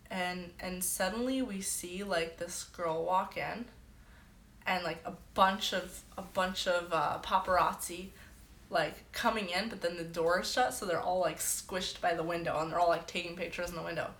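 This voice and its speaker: Woman livestreaming from her room, kinda low voice, chatty and rambly, lots of "like". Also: fairly even intonation, unhurried, a bit bright, reverberant. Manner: chatty storyteller, heavy "like" filler. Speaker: livestream host. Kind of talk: casual livestream chat. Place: her bedroom.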